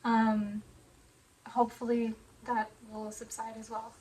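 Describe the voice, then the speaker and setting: A sewing vlogger, still hoarse as she gets over laryngitis, chats softly and slowly to the camera, rambling and filling gaps with "like" and "um." Her voice sits slightly higher than normal and stays in a narrow, even range. She's recorded on a phone camera in her home sewing room and sounds a bit distant from it.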